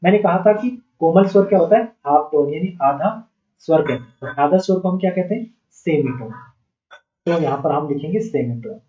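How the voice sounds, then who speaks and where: A man's voice: on the high side, animated, moderate pace, dark tone. A man teaching music theory, who asks the class questions and answers them himself. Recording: dull, echoey room sound.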